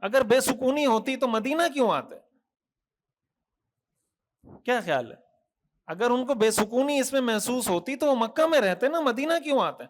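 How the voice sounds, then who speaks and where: A man delivering a sermon in a very high voice. He admonishes earnestly, asks rhetorical questions and stacks repeated phrases. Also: expressive. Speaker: mufti preacher. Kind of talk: Thursday night sermon.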